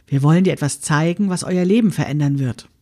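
A woman doing a gentle, mysterious old grandmother. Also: low voice, fairly quick. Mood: kindly.

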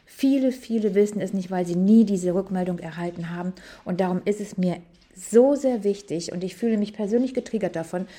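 A woman hosts a casual podcast monologue on etiquette. Her voice is mellow and warm, with an emphatic delivery that slows on stressed words and speeds through asides. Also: mid-range voice. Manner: animated, emphatic, switches between slow stress and fast asides. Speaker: podcast host and etiquette coach.

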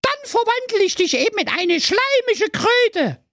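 A man voicing a quick-tempered evil fairy woman in a comedic storybook, with a shrill, scolding voice. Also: very animated, a bit bright, no echo, clean studio sound, full character voice.

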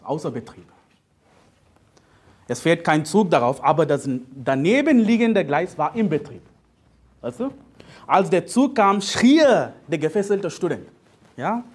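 Husky-voiced man preaching playfully. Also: high-pitched. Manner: playful, joking, animated sermon delivery with frequent "ja?". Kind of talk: sermon.

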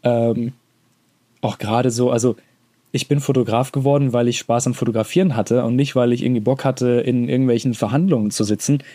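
A man's voice: mid-range voice, fairly even intonation, fairly quick, mellow. A young man co-hosting a podcast, talking casually in a rambling way with slangy asides. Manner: rambling, many restarts and fillers, slangy. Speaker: podcast co-host.

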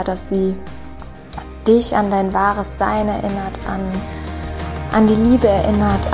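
A woman guiding a meditation in a soft, soothing, breathy voice. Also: mid-range voice. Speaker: meditation guide. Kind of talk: guided meditation with personal introduction. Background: background music.

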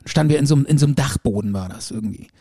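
A man's voice: mid-range voice, very fast, breathy edge, no room sound, clean studio sound. A man casually telling a long story on a podcast, rambling and acting out the quotes. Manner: animated, rambling, acts out quotes. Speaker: podcast co-host.

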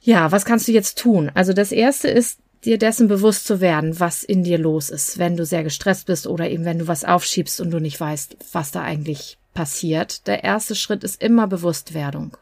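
A woman's voice: on the low side, moderate pace, few pauses, a little mellow, no room sound. A woman coach and podcast host giving advice in a conversational, explanatory way, with fillers here and there.

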